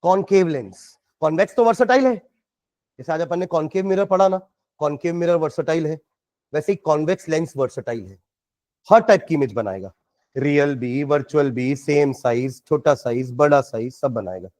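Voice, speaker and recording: A man's voice: fairly high pitch, expressive, moderate pace, a little mellow, no echo. A man with an Indian accent teaching science, working through problems step by step and quizzing his students. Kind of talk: classroom lecture solving problems.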